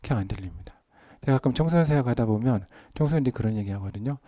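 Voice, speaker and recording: Dark-voiced pastor, loud then whispering. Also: male voice, medium pitch, lively intonation, very fast, no echo, studio quality. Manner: swings from loud emphasis to hushed whispers. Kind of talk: sermon.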